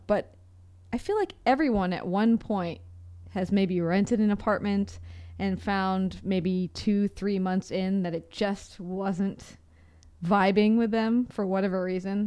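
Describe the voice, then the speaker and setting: A woman's voice: medium pitch, measured pace, dark tone. A woman co-hosting a podcast in casual conversation. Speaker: podcast co-host.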